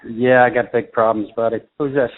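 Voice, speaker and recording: Gruff man on a tinny phone call. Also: mid-range voice, flat delivery, brisk. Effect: heard over a phone call. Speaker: call recipient. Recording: tinny phone line with loud crowd noise.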